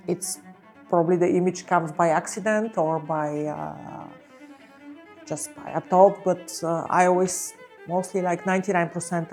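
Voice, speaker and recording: A woman from Bulgaria with a somewhat low voice talks about her art in a thoughtful interview. She pauses often, filling gaps with soft "uh" and "um" as she searches for words. A faint cello plays behind her. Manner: hesitant, many pauses and fillers. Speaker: visual artist. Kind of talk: reflective interview talk.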